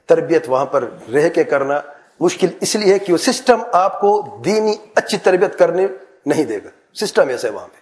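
A man's voice: fairly high pitch, big pitch swings, darkish tone. A middle-aged man preaching a sermon, giving earnest advice with rhetorical questions and repeated lists. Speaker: Islamic preacher.

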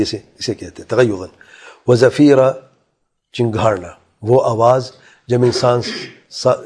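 Male religious teacher with a husky voice giving a Quran exegesis lesson; lifts into chanted recitation, then explains plainly. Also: medium pitch, a little mellow. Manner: asks the listeners rhetorical questions.

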